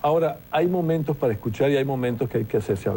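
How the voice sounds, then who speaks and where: A Venezuelan television presenter, appearing as a guest in an interview, reflects and tells anecdotes in a conversational, storytelling way, often restarting his sentences. He talks fast in a mellow, mid-range voice, with slight background noise.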